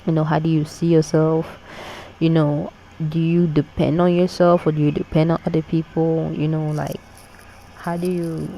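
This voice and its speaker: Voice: medium pitch, slight background noise, rough recording. A tarot reader giving a casual monthly reading straight to the audience, talking loosely and repeating phrases, with frequent "you know" and "okay?". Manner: relaxed, unhurried, repeats key phrases.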